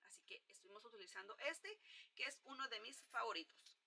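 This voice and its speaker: Bright-voiced chatty woman. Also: a little high, expressive, brisk, gravelly, slightly rough. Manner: chatty, hesitant, with frequent fillers. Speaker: makeup vlogger. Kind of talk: casual product review chat.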